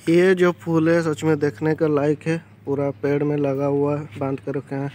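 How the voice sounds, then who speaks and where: A young man holds his phone at arm's length and vlogs while walking through an outdoor garden and vegetable plot, chatting eagerly and speaking straight to his viewers. His voice sits on the high side and is mellow, with a completely flat delivery at a moderate pace.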